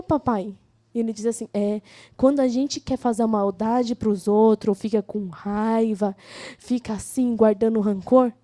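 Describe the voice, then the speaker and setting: A woman's voice: a little high, dry recording. A woman telling a children's story at a church service, acting out the voices of the characters. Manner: animated, acts out the characters' voices. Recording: live church service, dry sound.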